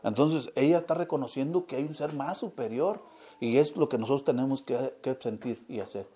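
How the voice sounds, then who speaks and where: A man's voice: mid-range voice, brisk, mellow. A man preaching informally to a small group, constantly checking in with "right?" and "you see?". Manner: conversational, keeps asking "¿verdad?" and "¿ven?". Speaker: lay preacher.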